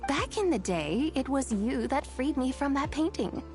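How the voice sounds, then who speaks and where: Her voice high-pitched, very animated and a little mellow, a woman performs a cutscene as an ancient, haughty and sly female horse spirit in a fantasy game. At a moderate pace she delivers teasing, archaic, formal lines theatrically and in a probing mood, with music playing behind her.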